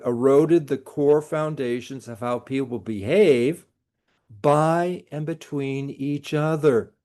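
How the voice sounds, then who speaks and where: Here a middle-aged college professor gives a recorded lecture, dropping sarcastic asides with a dry wit. He speaks with a medium-pitched, dark voice.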